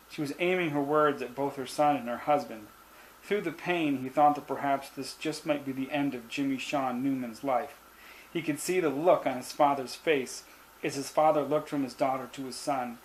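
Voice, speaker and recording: Male author, mid-pitched, reads his own short story plainly; faint hiss behind. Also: poor audio. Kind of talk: reading a short story aloud.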